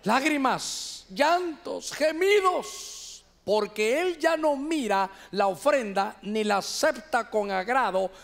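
A man with a Honduran accent preaching a sermon to his church, animated, often calling the listeners "hermano". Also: high-pitched. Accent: Honduran Spanish. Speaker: pastor.

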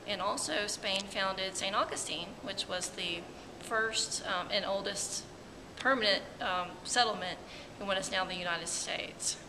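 A woman museum curator answering interview questions in an informative way, pausing often with filler words. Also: mid-range voice. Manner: hesitant, many ums, informative. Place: large museum exhibit hall, indoors. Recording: reverberant hall with clear background noise.

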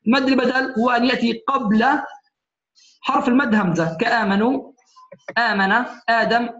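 A man's voice: extremely high pitch, fairly even intonation, moderate pace, a bit bright. A man teaching a recitation class, patiently explaining and often checking that his students follow. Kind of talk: classroom lecture. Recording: echoey room, muffled lo-fi sound.

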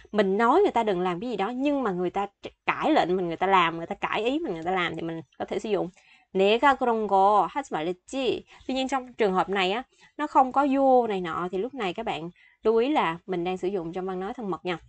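A woman's voice: mid-range voice, animated, fast, no echo. A woman in her thirties teaching a language lesson, patiently explaining and repeating example phrases several times.

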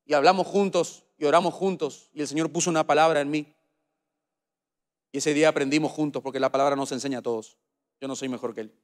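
A male pastor with a Paraguayan Spanish accent delivers a sermon in a fairly high voice. He moves from hushed, low-key stretches to loud, emphatic exhortation and repeats key phrases for effect. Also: steady tone, fast talker.

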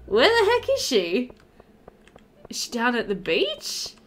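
Playing a video game with music in the background, this gaming host chats casually through a let's play, playfully voicing the game's dialogue. The young woman speaks slowly in a fairly high, fairly bright voice with huge swings in pitch.

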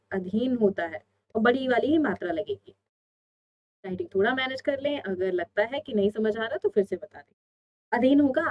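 A woman's voice: fairly high pitch, a little mellow. Woman teacher quizzing and answering herself. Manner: explains step by step, asks and answers her own questions. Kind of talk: online exam-prep Hindi lesson.

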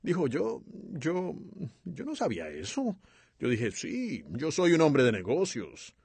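Man voicing a lively sermon dub. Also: fairly high pitch, slow, vocal fry, husky, no room sound. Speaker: sermon interpreter. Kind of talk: dubbed voice-over of a sermon.

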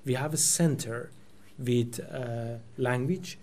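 In a small meeting room with a table microphone, an Iranian man in his forties, a native Persian speaker, reflects aloud in a lecture. His medium-pitched voice is a little mellow and slow-paced, and he searches for words, restarting phrases and using lots of fillers.

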